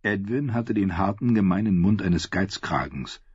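A man narrating an audiobook in a steady, scripted reading voice. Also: low-pitched, normal speed, slightly rough, no echo. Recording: dull lo-fi recording.

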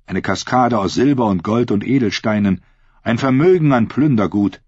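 Husky-voiced man reading a fantasy audiobook. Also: lowish voice, normal speed, a little mellow, no room sound, lo-fi sound. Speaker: audiobook narrator. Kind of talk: scripted fantasy narration.

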